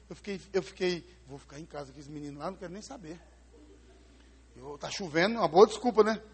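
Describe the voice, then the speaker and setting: A man from preaching a sermon as pastor, telling a story and acting out the voices, swinging between loud and hushed. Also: high-pitched, a little hiss or hum. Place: church sanctuary. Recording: live in a large church with long reverb.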